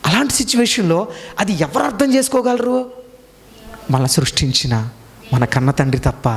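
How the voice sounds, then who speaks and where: A man preaching a sermon in speech, emphatic, with rhetorical questions and repeated phrases. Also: on the high side. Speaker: pastor. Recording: long hall reverb.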